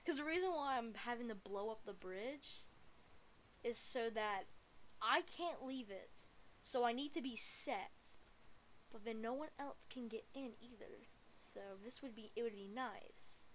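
A woman giving casual gameplay commentary, excitable and breaking into frustrated yelling. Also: on the high side, a little slow, slight background noise, rough recording. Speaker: gamer.

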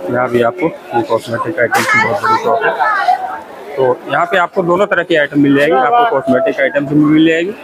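With a fairly high voice, huge pitch swings and a brisk delivery, a vlogger leads a walking tour of a crowded outdoor market over a noisy crowd. He shows his viewers the shops and repeats "look here," with loud street noise behind his voice.

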